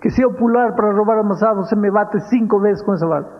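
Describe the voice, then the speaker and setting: A man's voice: sits high, fast talker, voice pushed up, close to an everyday voice. A man doing a pleading ten-year-old boy. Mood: meek. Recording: dull radio sound with long hall reverb.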